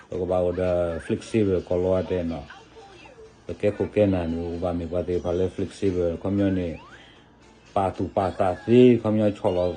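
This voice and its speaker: A man talking casually in a relaxed, chatty commentary, often adding little tag words. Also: sits low.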